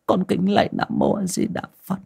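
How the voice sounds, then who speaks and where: A man voicing a frightened, pious old village grandmother in a storybook, with a husky, quavering voice. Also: moderate pace, a little mellow, close to an everyday voice. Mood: praying. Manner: quavering prayer turning to shrill cries.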